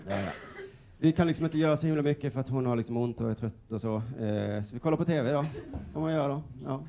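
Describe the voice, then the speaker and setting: A man's voice: medium pitch, vocal fry. A young man from Sweden doing stand-up comedy, laid-back and chatty, often laughing through his lines. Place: comedy stage before a crowd. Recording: live club with loud audience.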